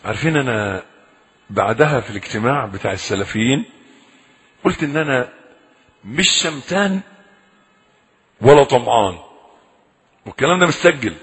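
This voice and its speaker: Egyptian male preacher, husky tone, pleading then chatty with the crowd; echoey hall sound. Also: mid-range voice, lively intonation, normal speed, pauses often, fairly bright tone. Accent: Egyptian Arabic. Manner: pleading in prayer, conversational questions to the audience. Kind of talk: sermon with supplications.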